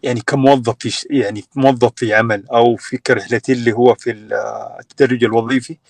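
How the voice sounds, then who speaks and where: A man's voice: mid-range voice, fairly even intonation, quick pace, vocal fry, no echo. A young man from Sudan telling his story as a guest in a casual online chat, with many fillers and restarts. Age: young adult.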